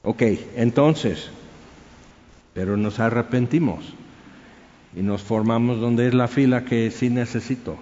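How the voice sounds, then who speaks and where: A man's voice: medium pitch, darkish tone. A man preaching a conversational sermon that is full of rhetorical questions. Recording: dull sound with long hall reverb.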